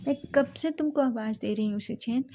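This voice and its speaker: A woman doing a motherly, quietly suspicious mom. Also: on the high side, brisk, no echo. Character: suspicious, caring middle-aged mother.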